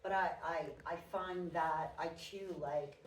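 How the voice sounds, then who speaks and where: A woman speaking on a playwrights' panel, chatty and halting, laughing now and then. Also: deep voice, fairly even intonation. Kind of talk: panel discussion. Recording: roomy echo, far from the mic, faint noise.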